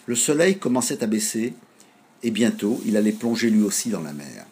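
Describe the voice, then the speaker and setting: Husky man reading a children's story. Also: on the low side, moderate pace. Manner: animated, expressive reading.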